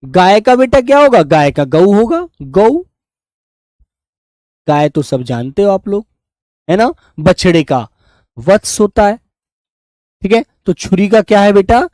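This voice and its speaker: A man's voice: sits high, big pitch swings, measured pace, long pauses, darkish tone, no echo, clean studio sound. A man teaching a live online quiz class, coaxing his students and calling them "beta" as he goes through the answers.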